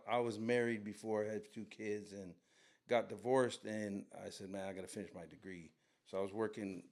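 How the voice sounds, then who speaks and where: Middle-aged guy guest, deep-ish voice, laid back, telling a story. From Southern California. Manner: relaxed storyteller, acts out quotes. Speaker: brand co-founder guest. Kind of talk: casual storytelling in interview.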